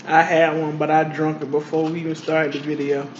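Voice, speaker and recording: A man's voice: fairly high pitch, little pitch movement, fairly quick, muffled recording, slight background noise. A man co-hosting a casual eating vlog, chatting and asking teasing questions. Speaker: vlog co-host. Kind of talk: casual chat while eating.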